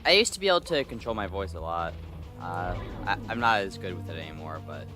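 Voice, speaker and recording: A man's voice: sits low, sing-song, brisk, music in the background. A young man hosting a let's play, chatting casually and hesitantly with ums and restarts. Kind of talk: casual gameplay commentary.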